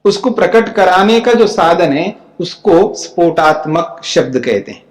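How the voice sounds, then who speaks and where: A male spiritual teacher with a fairly high, expressive voice gives a scripture commentary lecture at a slightly slow pace. He reads Sanskrit verse lines, explains each in plain speech, and often checks that listeners are following. The hall sounds roomy and echoey, with a long, lingering reverb.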